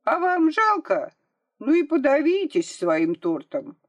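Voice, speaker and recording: A woman's voice: on the low side, lively intonation, measured pace, darkish tone, no echo. A woman voicing a bold, cheeky young girl in an audiobook, eager and brash. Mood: defiant.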